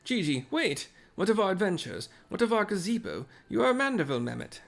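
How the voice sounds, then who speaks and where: A man voicing an excitable game character with urgent, dramatic, pleading delivery. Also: brisk, creaky, heavily acted. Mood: alarmed. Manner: urgent, dramatic, high-pitched. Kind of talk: game dialogue read aloud.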